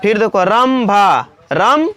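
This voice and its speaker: A woman's voice: mid-range voice, lively intonation, slow, a crowd in the background. A woman teacher giving a spelling lesson for children, asking questions and then answering them herself, repeating every point. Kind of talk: slow classroom-style spelling lesson.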